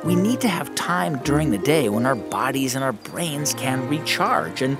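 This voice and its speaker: Lively, explanatory man hosting kids' science. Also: mid-range voice, music in the background. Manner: measured, explanatory, reassuring. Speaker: children's science podcast co-host. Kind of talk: scripted explainer dialogue.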